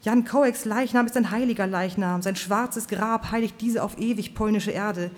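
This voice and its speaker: A bombastic male preacher thundering prophecies at a crowd, put on by a reader at a live reading. The voice rings high and loud above the speaker's usual talk, with a long hall echo trailing after each phrase. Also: fairly even intonation, moderate pace, close to an everyday voice. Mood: exhorting.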